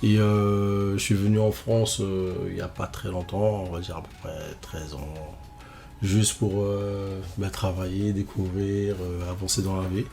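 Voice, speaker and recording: A man's voice: deep voice, level tone, measured pace, dark tone, soft background music. A man in his thirties from Martinique, a guest tattoo artist talking casually, with many fillers and restarts. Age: 30s. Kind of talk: casual interview chat.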